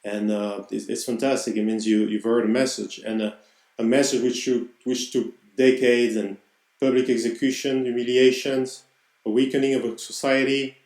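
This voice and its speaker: A man in his thirties from Cameroon speaks in an earnest, reflective podcast monologue. His voice is mellow and warm, and he pauses to search for words. The room around him sounds roomy and echoey. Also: mid-range voice, flat delivery. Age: 30s. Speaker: podcast host.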